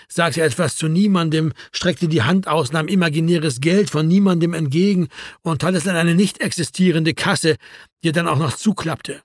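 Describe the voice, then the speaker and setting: An audiobook narrator, a man with a voice on the high side, reads a novel in a wry, even storytelling style. It's scripted narration captured with clean studio sound and no room sound.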